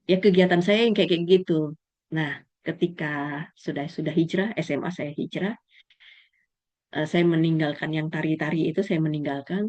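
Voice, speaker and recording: A middle-aged Indonesian woman, a lecturer, giving a personal talk to a women's study circle, telling lively stories full of fillers. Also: low voice, no room sound. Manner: lively storytelling with frequent fillers and laughter.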